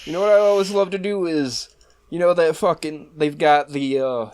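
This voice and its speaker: A man's voice: a little high, fairly even intonation, moderate pace, darkish tone. A man co-hosting a podcast in casual chat, cracking crude jokes with plenty of swearing and laughter. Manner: profane, joking, laughs a lot. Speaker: podcast co-host.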